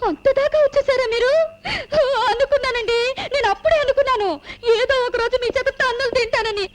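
An actress playing a devout, fussy young wife in a film scene, talking in a pleading, dramatic way. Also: female voice, very high-pitched, fairly even intonation, brisk. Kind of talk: film dialogue. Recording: music score behind.

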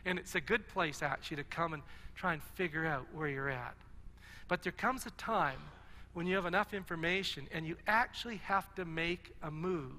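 A man's voice: a little high, sharp tone, a little hiss or hum. A man preaching a sermon as pastor, earnest and conversational, with restarts and little asides. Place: large church hall. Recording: long church-hall reverb.

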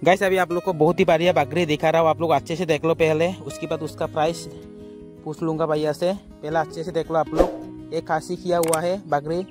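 A man's voice: on the high side, flat delivery, brisk, darkish tone, soft background music. A young man chatting to his viewers while vlogging through an outdoor market, talking into a phone held at arm's length. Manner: chatty, addresses viewers as guys, asks prices. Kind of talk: casual market vlog narration.

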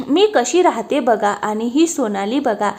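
A haughty young wife who brags about her riches in a read-aloud story, as a woman narrator puts her on. Her tone is scornful and showy, pitched a little high. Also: animated, a little slow, darkish tone. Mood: boastful. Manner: haughty, bragging. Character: boastful proud rich young wife.

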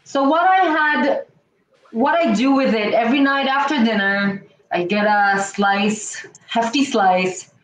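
A middle-aged woman from Israel hosts a casual cooking chat over a video call from her home kitchen, standing back from the camera. Her voice is on the high side and a little slow, and she is emphatic, repeating her key points. The kitchen echoes, the mic is distant, and there is faint hiss.

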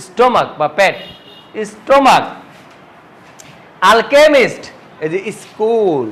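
A man's voice: sits high, fairly bright tone, rough recording. A man teaching an English pronunciation lesson, who asks his class questions and answers them himself.

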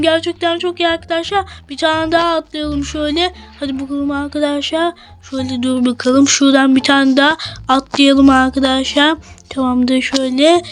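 A young woman narrating a playful Minecraft role-play vlog, chatty and always addressing her viewers. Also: sits high.

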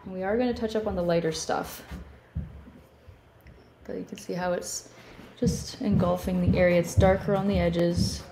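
Relaxed woman teaching a painting class. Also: fairly low pitch, normal speed. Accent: Canadian. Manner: relaxed, thinking aloud while working. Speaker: painting instructor. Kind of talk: step-by-step painting tutorial. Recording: roomy studio with faint background hum.

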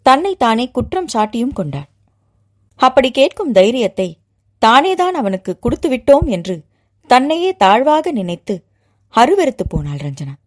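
A woman narrator reading a novel aloud in an expressive storytelling manner. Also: fairly high pitch, normal speed.

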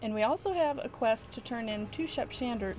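A woman's voice: fairly high pitch, expressive, brisk, a loud crowd. Giggly woman explaining game quests. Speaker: let's play co-host. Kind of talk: casual gameplay chat. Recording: game music playing behind.

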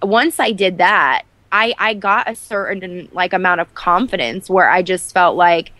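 A woman's voice: on the low side, measured pace, fairly bright tone, no room sound. A woman in her twenties, an actress guest chatting candidly in an interview, full of fillers and restarts. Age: 20s. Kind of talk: casual interview chat.

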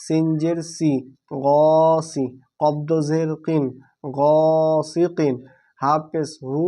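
Male Quran reading teacher with a Bangladeshi Bengali accent, slightly raised pitch, flat even delivery, spells out syllables one by one for beginners. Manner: spells out letters and vowel marks syllable by syllable; slow, drawn-out, deliberate delivery. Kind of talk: slow spelled-out recitation lesson.

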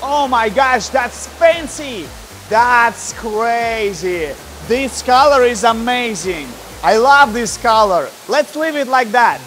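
Young male vlog host, Slavic English accent, excitable, slow delivery, lapel mic, faint music underneath. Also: very high-pitched. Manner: excitable, enthusiastic. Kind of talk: casual chat. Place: outdoors and at a car wash.

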